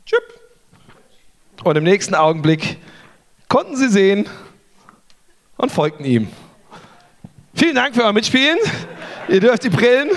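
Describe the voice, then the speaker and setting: Playful, high-pitched man preaching a lively story sermon to a live crowd. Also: slight background noise. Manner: playful, joking, directs audience participation. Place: before a live congregation.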